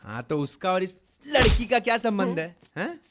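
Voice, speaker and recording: An actor playing a tough young hero who threatens a pair of thugs in a dubbed film, speaking in streetwise slang. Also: male voice, sits high, very animated, normal speed, over loud music.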